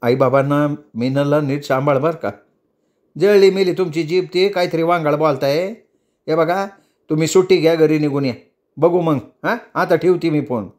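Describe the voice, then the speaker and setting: A male storyteller voicing a young housewife who scolds her husband in sharp, quick bursts. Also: fairly high pitch, lightly acted. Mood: scolding.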